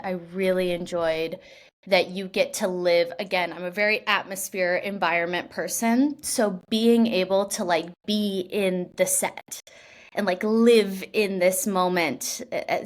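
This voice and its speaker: This young actress from Washington state has a voice on the low side with fairly even intonation, and she talks a little slowly. During an interview she chats casually and laughs, using lots of "like" fillers and restarting her sentences often.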